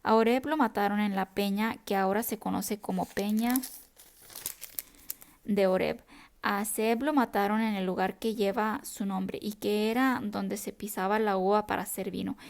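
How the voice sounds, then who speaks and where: A woman reading a Bible passage aloud in a steady, unhurried devotional style, now and then correcting herself. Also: mid-range voice, vocal fry. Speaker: Bible reader.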